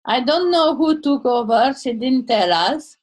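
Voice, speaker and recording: With lively intonation but a slow, halting, high-pitched delivery, an older woman chats casually in English over a video call. She comes from Transylvania, Hungary, speaks Hungarian natively, searches for words, uses non-native grammar, and is a Toastmasters member and blogger.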